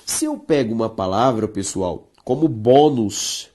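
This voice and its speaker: A Brazilian Portuguese-accented woman gives an online grammar lesson. Her voice is expressive and full of pitch movement, and she lingers on stressed words while addressing her students directly. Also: unhurried. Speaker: teacher.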